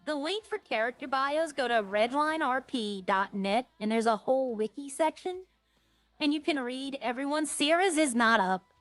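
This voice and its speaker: A woman with a fairly high, slightly bright voice streams a game, rambling to her viewers in a loose, informal way at a normal speed. The sound is slightly dry with no echo, and music plays underneath.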